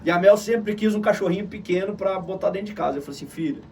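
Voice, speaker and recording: High-voiced, fast-talking southern Brazilian man. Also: vocal fry, recorded from a distance, slight background noise. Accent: Gaúcho Brazilian Portuguese. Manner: animated, calls the listener "cara" often. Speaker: interview guest, missionary. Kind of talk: emotional personal storytelling.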